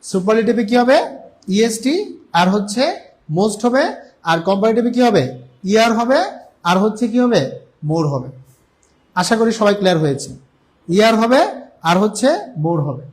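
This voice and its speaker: High-voiced Bangladeshi man teaching grammar live. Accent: Bangladeshi Bengali. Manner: repeats questions and answers them himself; stretches out English example words slowly. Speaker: online English teacher. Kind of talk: live online class.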